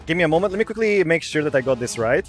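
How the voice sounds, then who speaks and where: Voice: medium pitch, lively intonation, rapid-fire, faint music behind. A game master running a tabletop game on a live stream, chatty and often breaking into laughter.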